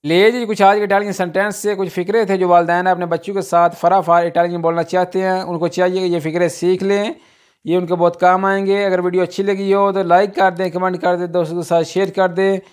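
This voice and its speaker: A man teaching a spoken language lesson who repeats each phrase slowly and keeps checking in with "okay" between points, with a Pakistani Urdu accent. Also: sits high, level tone.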